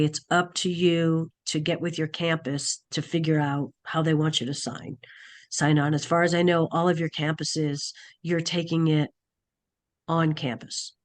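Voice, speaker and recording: A woman instructor leads an online class over a video call, thinking aloud in a halting way. Her voice is raspy and hoarse from a cold, low-pitched, with fairly even intonation.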